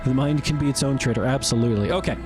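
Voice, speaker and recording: A man's voice: mid-range voice, very fast. A man giving casual playthrough commentary as he plays, musing and thinking aloud. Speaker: gamer playing and commenting. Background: game music and sound effects.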